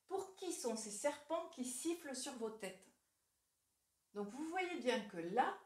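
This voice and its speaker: A woman gives a clear, didactic literature lesson, speaking directly to her viewers and building each point on an example. Her voice sits high. The recording has a noticeable roomy echo. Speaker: French literature teacher. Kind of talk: explanatory lesson.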